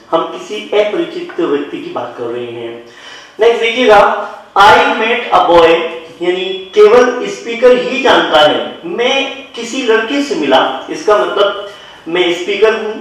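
A man's voice: high voice, a bit bright. A man teaching English grammar in a classroom-style video lesson, explaining step by step, speaking straight to his students and mixing English words into his explanation. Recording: very echoey room, voice from a distance.

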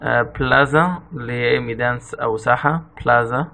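A man teaching English vocabulary in an Egyptian Arabic accent, reading each English word and then giving its meaning in a steady, methodical way. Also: mid-range voice, moderate pace, gravelly, poor audio.

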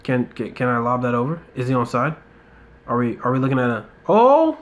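Relaxed play-by-play of a mobile football game comes from a young man from the United States in an indoor room, who mutters asides and rants from time to time. He speaks a little fast at a medium pitch.

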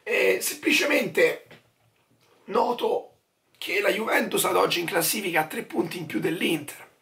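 Young male football vlogger, voice hoarse and almost gone, creaky, slightly high, halting yet emphatic. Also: expressive, pushed and bright. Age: 20s. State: hoarse, voice nearly lost. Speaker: football video commentator. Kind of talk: casual post-match football commentary. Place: small furnished room at home, indoors.

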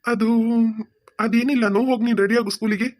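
A woman voicing a gentle, patient father in a cartoon who calms his family. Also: on the high side, close to an everyday voice. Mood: soothing. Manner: soothing, quick talker. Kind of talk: cartoon voice acting.

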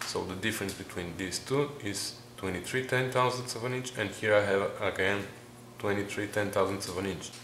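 A home mechanic narrates a step-by-step workshop tutorial on engine measurements, talking slowly and methodically, pausing and using fillers while he works out the numbers. His voice is lowish and fairly bright with fairly even intonation, and there's a little hiss or hum.

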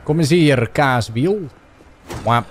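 A young man with a Dutch accent giving excitable gameplay commentary, shouting and yelping playfully as he plays. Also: slow pace, over music. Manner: shouty, playful, bursts into silly high yelps. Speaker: gaming YouTuber.

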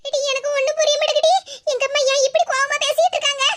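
Nervous young cartoon daughter, Kanyakumari Tamil accent, very high, bright. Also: female voice, flat delivery, very fast. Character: anxious young woman, the daughter Malar.

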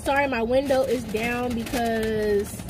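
A young woman with a high, bright pitch chats loudly and playfully from inside a car. Her window is down, so clear traffic noise runs under every line. She hosts in a loose, joking way, raising her voice now and then to carry. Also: fairly even intonation, unhurried. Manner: chatty, loud and playful, hollering over the noise. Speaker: vlog host. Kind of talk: casual chat.

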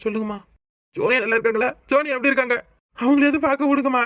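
A desperate young husband from a cartoon pleads for his wife's life with a southern Tamil Nadu accent. The voice sits somewhat high for a man. It is recorded close and dry, with no room sound. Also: very fast, a bit bright, dry recording. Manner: begging, emotional.

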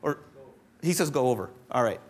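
A man presenting a live programming lecture to a room of developers, brisk and joking, thinking aloud as he demos code. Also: mid-range voice, expressive, slight background noise. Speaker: conference presenter teaching developers. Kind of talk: live technical lecture with demo. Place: conference room with live audience.

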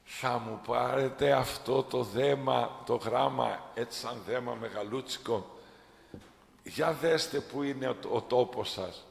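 A male priest voicing a kindly old elder in a higher, gentle tone during a sermon, with church echo. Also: gravelly. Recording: echoey church hall.

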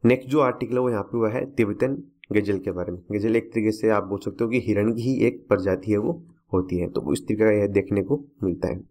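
Guy explaining exam current affairs, lowish mellow voice, keeps repeating what to remember. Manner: explanatory, repeats key facts for students. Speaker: exam prep teacher.

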